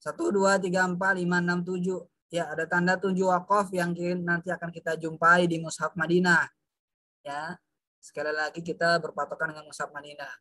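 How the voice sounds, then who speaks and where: A man's voice: sits high, level tone, a little fast, bright, forceful tone, no room sound. A man teaching a class of pupils in a chatty way, with frequent fillers, addressing the students fondly as children. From Indonesia. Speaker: religious studies teacher. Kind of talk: online class lesson.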